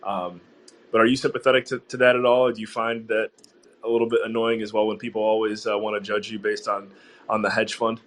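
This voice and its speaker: A man's voice: fairly low pitch, level tone, a little fast, fairly bright tone. A man hosting an online talk show, chatting casually with many fillers and restarts. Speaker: podcast host. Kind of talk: casual interview chat.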